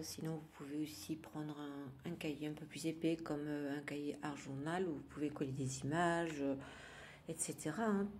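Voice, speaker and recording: Woman vlogger, casual and gentle, low mellow voice, hesitant delivery. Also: a little hiss or hum. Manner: gentle, hesitant, with many fillers. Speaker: vlogger presenting her daily routine. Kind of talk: casual chat.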